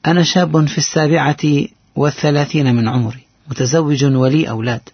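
Man, earnest story narration, quick delivery, gravelly and husky, dry lo-fi sound. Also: fairly high pitch, steady tone, no echo. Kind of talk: first-person story narration.

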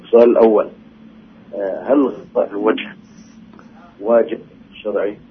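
A man's voice: fairly low pitch, fairly even intonation, brisk. A man calling a radio programme, putting questions carefully in fairly formal Arabic. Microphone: telephone. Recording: noisy narrow phone line on radio.

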